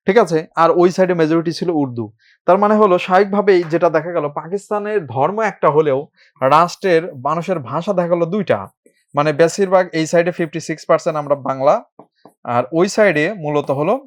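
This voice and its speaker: Brisk man teaching. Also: fairly high pitch. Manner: brisk, informal, keeps checking in with students. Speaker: admission coaching teacher. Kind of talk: live online class lecture.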